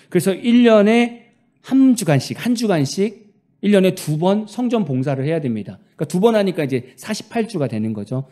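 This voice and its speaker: A man's voice: sits high, mellow. A male pastor preaching a sermon, explaining emphatically and asking rhetorical questions.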